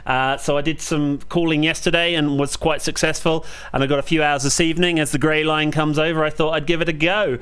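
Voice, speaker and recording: A man's voice: a little high, steady tone, brisk, few pauses, fairly bright tone, clear, resonant tone. A middle-aged man hosting as an amateur radio operator, courteously calling and explaining into a close desk microphone. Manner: repetitive phonetic call signs, courteous. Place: small indoor radio room. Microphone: close desk studio microphone.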